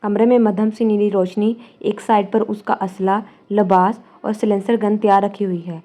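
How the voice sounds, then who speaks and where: A woman narrating a novel as an audiobook, in a calm, even storytelling manner. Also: medium pitch. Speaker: novel reader.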